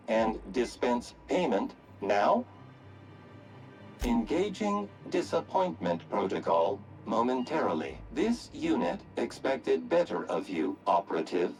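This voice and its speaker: A man's voice: mid-range voice, darkish tone. A man voicing a formal, dutiful automech robot in a video game, speaking in a robot voice with stiff machine announcements.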